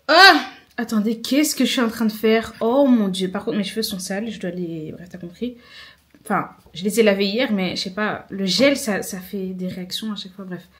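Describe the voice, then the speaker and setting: A woman's voice: medium pitch, moderate pace, fairly bright tone. Chatty young woman vlogging. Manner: chatty, rambling, self-mocking. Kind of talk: casual vlog chat to camera. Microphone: small handheld camera.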